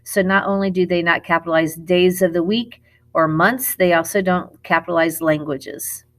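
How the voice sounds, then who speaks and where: A woman's voice: fairly low pitch, normal speed, fairly bright tone. A middle-aged woman as a Spanish teacher, recording a classroom lesson video, explaining step by step and correcting herself as she goes.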